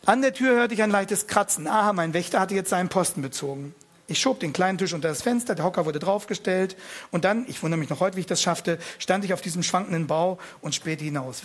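A man with a high voice for his sex retells a story at an easy pace. He hesitates often and slips between his own narration and reading in the first person.

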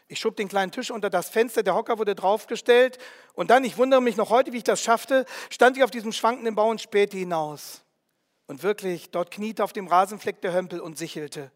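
High-voiced male storyteller with a long echo. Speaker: narrator. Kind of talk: first-person storytelling narration.

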